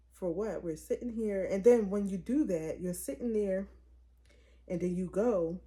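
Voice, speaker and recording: A young woman hosting her own channel, chatting casually and with conviction, full of "like" and "it's like". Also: mid-range voice. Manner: animated, opinionated, lots of "like" and "it's like". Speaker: vlogger host. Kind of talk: casual chat to camera.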